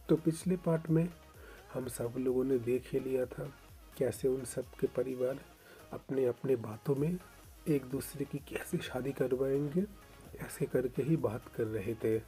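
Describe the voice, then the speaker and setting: A man's voice: medium pitch, a little slow, warm tone, soft background music. A man narrating a fan fiction story in a casual, plain way.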